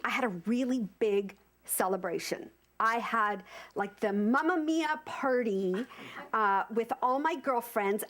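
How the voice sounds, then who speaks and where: A woman in her fifties giving an informal sermon to a congregation, animated and repeating phrases for emphasis. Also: a little high. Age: 50s. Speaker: speaker at a spiritual center service.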